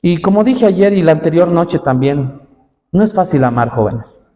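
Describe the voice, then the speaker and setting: A man preaching a sermon to young people, impassioned and rising in pitch for emphasis. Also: expressive, normal speed, warm tone, big-room sound. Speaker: pastor. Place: church.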